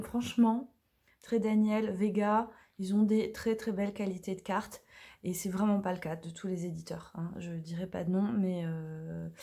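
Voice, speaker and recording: A woman's voice: mid-range voice, dark tone. A woman casually unboxing and reviewing an oracle card deck, talking chattily with many hesitations and now and then dropping to a whisper.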